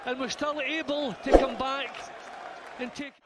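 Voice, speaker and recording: Very high-pitched male boxing analyst, roaring crowd. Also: fairly even intonation, unhurried. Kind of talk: live expert boxing commentary. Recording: very loud arena crowd noise. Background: roaring arena crowd.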